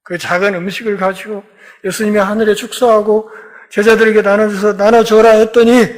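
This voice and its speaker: A pastor with a notably high voice leads a Bible lecture. He tells the story with energy and acts out the conversations, swinging from loud, pressing emphasis to quiet, low stretches. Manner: storytelling, acts out the dialogue of biblical characters.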